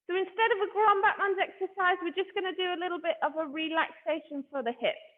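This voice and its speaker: A woman teaching a ballet exercise class, talking through the movements in short, measured cues. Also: very high voice. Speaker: adult ballet instructor. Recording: thin phone-like sound, faint music behind.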